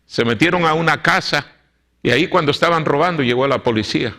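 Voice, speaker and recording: A man voicing a worried churchgoing mother who asks her pastor for prayer, in a soft, hushed voice. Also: on the high side, quick pace.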